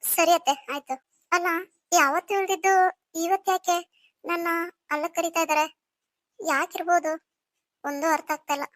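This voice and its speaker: A woman's voice: very high-pitched, fairly even intonation, normal speed, pauses often, dry recording. A woman voicing a young orphaned wife in a cartoon story, pleading and full of questions. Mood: wondering.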